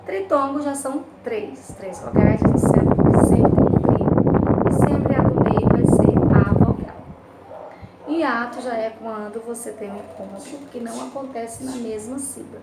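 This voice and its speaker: A Brazilian woman teacher giving a remote class from home, going through a grammar exercise patiently, checking in with the students and drawing syllables out slowly. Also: a little high. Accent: Brazilian Portuguese. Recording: roomy, distant home recording with loud background noise.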